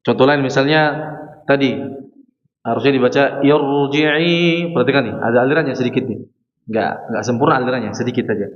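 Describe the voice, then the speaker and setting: A man's voice: medium pitch, fairly even intonation. A man teaching Quran recitation at a mosque study session. He explains step by step, asks questions and answers them himself, and demonstrates each sound. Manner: chants sample verses slowly. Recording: roomy, echoey, dull lo-fi mosque recording.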